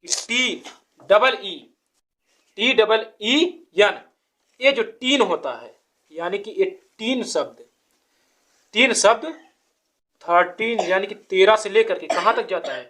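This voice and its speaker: A woman's voice: mid-range voice, fairly bright tone. A woman teaching a child to count, patiently asking quiz questions and counting numbers aloud step by step.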